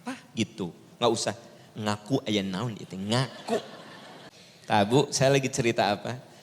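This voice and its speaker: A man preaching a sermon with a Sundanese accent, lively, sometimes jumping into high mimicking voices. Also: unhurried, a little hiss or hum. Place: large mosque hall. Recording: long reverb of mosque hall.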